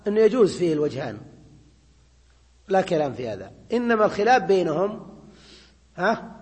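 A man's voice: sits high, very animated, brisk, darkish tone, big-room sound. A man giving a classroom grammar lecture. He explains step by step, repeats his points and keeps checking in with students. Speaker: Arabic grammar teacher.

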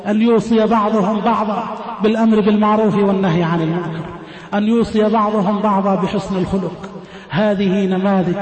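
Male preacher, sermon, high voice, even and level delivery, repeats phrases, echoey hall reverb. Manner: measured, repeats phrases for emphasis. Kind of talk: Friday sermon.

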